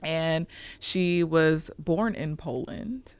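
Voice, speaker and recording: A woman's voice: low-pitched, drawn-out words, clear, resonant tone, no echo. A woman hosting a podcast interview, upbeat and chatty, moving from a scripted intro into casual conversation. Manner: upbeat and chatty, laughs often. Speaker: podcast host. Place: studio set with a couch.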